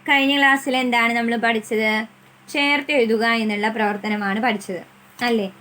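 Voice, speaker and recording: A woman teacher with a Malayali accent giving a primary school lesson, repeating each answer slowly for the children to say after her. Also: a little high, fairly even intonation, pushed and bright, low-quality recording.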